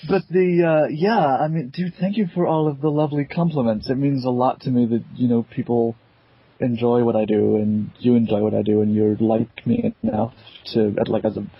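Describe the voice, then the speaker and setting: Young man, husky and animated. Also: medium pitch, normal speed, no room sound. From America. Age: young adult. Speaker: voice actor, interviewee. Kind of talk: casual interview chat. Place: at a desk. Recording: dull, dry lo-fi sound.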